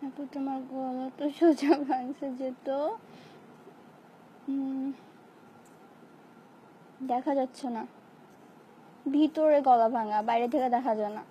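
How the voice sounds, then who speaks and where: Hoarse young woman, high mellow voice, playful live-chat host reading viewer comments. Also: steady tone, slow pace, long pauses, lo-fi sound, slight background noise. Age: young adult. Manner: chatty, playful, mixes English phrases into casual replies. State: hoarse, sore throat.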